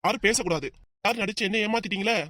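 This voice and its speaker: A woman's voice: mid-range voice, racing, fairly bright tone, dry recording, close to an everyday voice. A woman voicing a hot-tempered middle-aged father in a cartoon, scolding his family with threats. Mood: furious. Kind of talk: cartoon voice acting.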